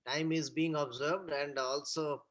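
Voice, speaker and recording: A man's voice: a little high, steady tone, unhurried, highs cut off, over a noisy crowd. A man moderating an online webinar, his voice faint and cutting out on a weak video call, repeating himself politely to be heard. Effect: voice fading and cutting out on a video call.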